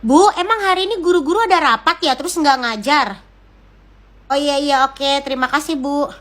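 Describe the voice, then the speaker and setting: A performer voicing a mother in a comedic skit who questions her child and then scolds them quickly for lying. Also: high voice. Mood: questioning. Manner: sharp and scolding, rapid.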